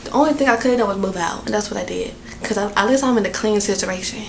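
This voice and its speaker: A woman's voice: medium pitch, fast, gravelly, slight background noise. A young woman with a Southern American accent telling a casual storytime vlog, chatty and venting, rambling with lots of fillers while at her workplace. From Southern United States. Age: young adult. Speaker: vlogger.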